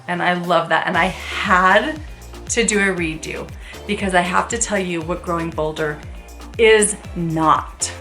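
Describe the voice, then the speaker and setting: A woman's voice: on the low side, sharp tone. A woman in her thirties talking to camera in a sponsored family vlog, chatty and upbeat, speaking straight to her viewers. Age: 30s. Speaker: family vlogger.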